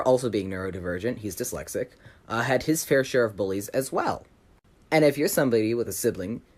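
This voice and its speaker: A young woman tells her stories in a very deep voice for a woman, with lively, swooping intonation. She talks casually and bluntly, and she swears freely. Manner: blunt, profane and animated. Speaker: storyteller. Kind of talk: casual storytime narration.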